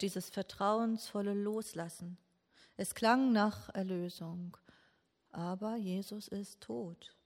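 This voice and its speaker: A woman gives a slow, meditative Good Friday sermon, her unhurried speech weighed down with grief as she poses question after question and leaves long pauses. Her mid-pitched, slightly mellow voice carries a long reverb, as though recorded in a large church.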